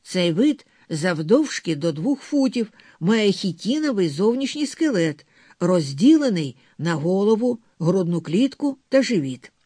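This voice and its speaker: A high-pitched man reads a thriller novel aloud, his voice rising and falling a lot. The sound is dry and close, with no room around it. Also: sing-song, a little slow, warm tone, husky, dry recording. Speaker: audiobook narrator. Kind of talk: scripted narration of a novel.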